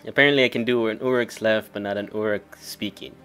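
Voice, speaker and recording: A man's voice: lowish voice, steady tone, fast talker, sharp tone, soft background music. A man from the United States giving casual commentary while playing a video game, talking offhand and a bit self-deprecating. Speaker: gameplay streamer. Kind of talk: casual let's-play commentary.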